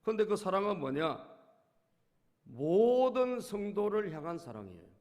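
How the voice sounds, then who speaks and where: A male pastor preaching a sermon, storytelling and often prompting the congregation, dropping to soft asides and rising to loud bursts. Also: high voice, sing-song, unhurried, muffled recording. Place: church sanctuary. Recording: long reverb of a church hall.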